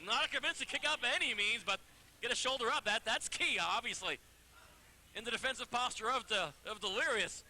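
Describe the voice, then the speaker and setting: Wry, high-pitched male wrestling commentator. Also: fairly quick, sharp tone, a little hiss or hum. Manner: wordy, wry asides. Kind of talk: colour sports commentary.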